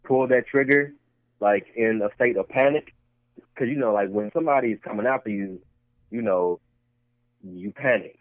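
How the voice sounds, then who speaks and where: Fairly low-pitched and dryly recorded, this man co-hosts a casual podcast debate with tinny lo-fi sound. He's argumentative and repetitive, circling back to restart his points.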